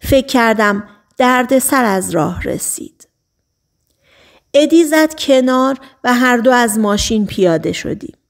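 A woman narrating a novel as an audiobook, in measured storytelling that slows on key phrases. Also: on the high side, expressive, gravelly. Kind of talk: scripted narration.

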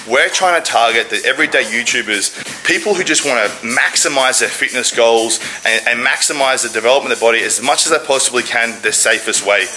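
A man's voice: mid-range voice, brisk, pushed and bright, rough recording. A man in his thirties, a fitness trainer, explaining training to camera in an earnest, emphatic way. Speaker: fitness trainer, video presenter. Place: large gym, indoors. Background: music.

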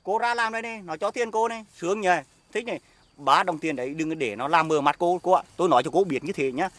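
Guy acting as a jealous boozy husband, northern vietnamese accent, fast and sarcastic. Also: high voice, no room sound. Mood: scornful. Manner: shouting, taunting, sarcastic. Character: jealous, hard-drinking husband, scornful and accusing. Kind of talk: amateur skit acting. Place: outdoors in an orchard.

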